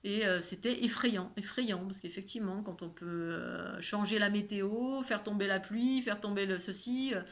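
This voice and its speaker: A woman's voice: medium pitch, normal speed, hardly any pauses. A woman with a slight lisp on her s sounds, speaking in a casual, rambling spiritual monologue and repeating words for emphasis.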